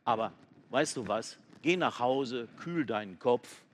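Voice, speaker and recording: A man's voice: medium pitch, lively intonation, a little slow, long reverb tail, slight background noise, close to an everyday voice. A man doing a dry, mocking zebra. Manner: dry, condescending.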